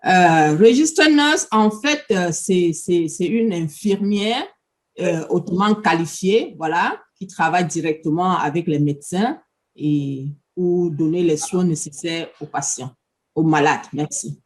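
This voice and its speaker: A woman's voice: on the low side, measured pace. A middle-aged woman from Cameroon answering interview questions politely, hesitating often. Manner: polite, hesitant with many fillers. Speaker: interview guest.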